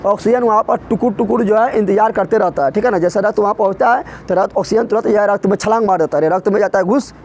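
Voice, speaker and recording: A man teaches a class in a high, light voice. He explains in a colloquial, emphatic way and keeps firing short quiz questions back at his students. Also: fast, hardly any pauses, a little hiss or hum. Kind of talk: classroom lecture.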